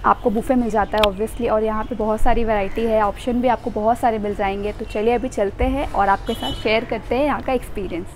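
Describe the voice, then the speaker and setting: Talking briskly with few pauses, a young woman with a fairly high, fairly even voice reviews food in a small restaurant, phone held at arm's length. She chats about every dish while tasting it, filming inside and outside the entrance against a noisy background.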